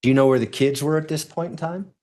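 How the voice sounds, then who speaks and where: A man's voice: fairly high pitch, quick pace, a little mellow. A man working as a lawyer questions a witness in a courtroom, putting formal questions step by step.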